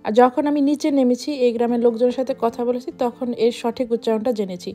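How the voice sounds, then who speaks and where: A woman's voice: on the high side, steady tone, quick pace, mellow, soft background music. A woman from Bangladesh, a travel vlogger, narrating a voice-over in a reflective, explanatory way.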